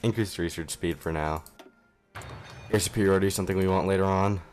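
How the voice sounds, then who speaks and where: A man's voice: sits low, fairly even intonation, fast, a little mellow, faint music behind. A young man giving casual, rambling let's play commentary at home, offhand and self-deprecating, on a modest mic. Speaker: gaming channel host.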